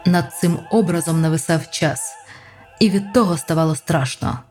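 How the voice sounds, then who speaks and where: An audiobook reader giving scripted narration in a measured, even way. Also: medium pitch, faint music behind.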